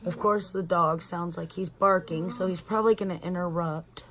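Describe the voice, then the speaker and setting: This beauty vlogger is a woman in her thirties with a Texan accent and a lowish, slightly bright voice. Speaking at a normal speed with fairly even intonation, she rambles casually through a makeup tutorial at home and talks to viewers as y'all.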